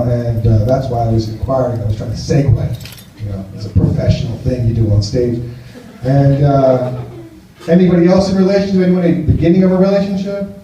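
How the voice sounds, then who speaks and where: Chatting with a small cafe crowd, an American comic in his fifties wanders through self-deprecating material. His warm voice sits a little high, and the distant, roomy, muffled recording has a little hiss or hum.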